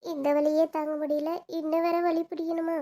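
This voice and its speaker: Child doing a woman in labor, pleading, whiny, very high, mellow tone. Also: monotone, moderate pace, lightly acted. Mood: worried. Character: young woman in labor, frightened and impatient.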